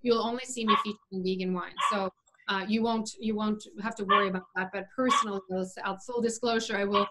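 A woman's voice: mid-range voice, fairly even intonation, fast talker, very noisy. A woman talking as an interview guest over a video call, earnest and opinionated, with frequent fillers as she explains things. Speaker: interview guest, vegan chef. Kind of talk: casual conversational interview.

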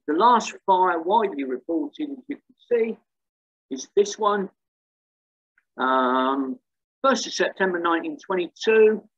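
A man's voice: a little high, husky, highs cut off. A man giving a slide lecture on local history, hesitant, with many ums and restarts. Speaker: museum talk speaker.

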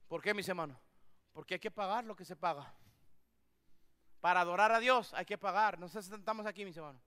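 Pastor guy preaching in church, high clear voice, goes from quiet to loud prayer. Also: a little fast, long reverb tail. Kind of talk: sermon. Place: church sanctuary.

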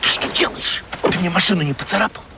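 A man plays a fussy middle-aged schemer in a TV comedy-drama. His voice is fairly high, recorded outdoors with clear noise around it. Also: fast talker, close to an everyday voice. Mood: bossy. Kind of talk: screen comedy-drama acting. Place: outdoors by a car in woods. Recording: noisy outdoor film sound.

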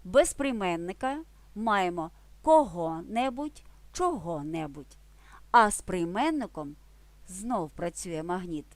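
Woman teacher, slow and clear, expressive rising and falling pitch, dry close mic. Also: no echo. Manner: slow, deliberate explanation with emphatic examples. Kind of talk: grammar lesson.

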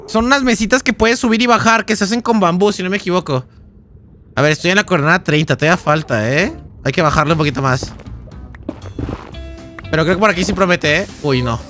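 A young man with a Mexican accent streams a game, talking loosely to himself and his chat in slangy, rambling asides. His voice sits high and sounds bright and forward. Faint music plays underneath. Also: fairly quick. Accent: Mexican Spanish. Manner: chatty, thinks aloud, slangy. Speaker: gaming streamer. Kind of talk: casual live-stream commentary.

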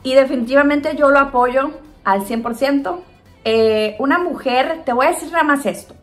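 A Mexican woman answering viewer questions in a casual chat to camera, animated and laughing often. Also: high voice, moderate pace, faint music behind. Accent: Mexican Spanish. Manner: chatty and animated, acts out voices in quotes.

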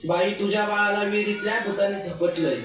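A woman faking a deep, menacing village sorcerer. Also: fairly even intonation, a little fast, lightly acted. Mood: ominous. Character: scheming male village sorcerer and helper. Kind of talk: amateur radio drama. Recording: roomy and distant, music beneath.

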